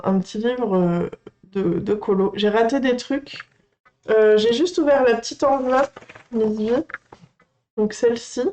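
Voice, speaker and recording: A woman with a fairly high, mellow voice hosts a casual livestream unboxing for her coloring channel. She gushes excitedly and chats straight to her viewers. The sound is dull and lo-fi.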